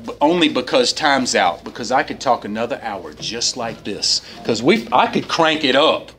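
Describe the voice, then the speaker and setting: Casual: guy giving his recovery testimony in a meeting hall, pitch jumps way up when he acts stuff out, bit of background noise. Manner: animated storyteller, swings up in pitch for quoted voices. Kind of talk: personal testimony talk.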